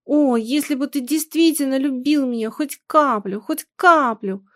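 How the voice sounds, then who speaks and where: A woman reading aloud, voicing a tormented, hysterical young wife in shrill, anguished outbursts. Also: fairly even intonation, slow, fairly bright tone, no echo, clean studio sound.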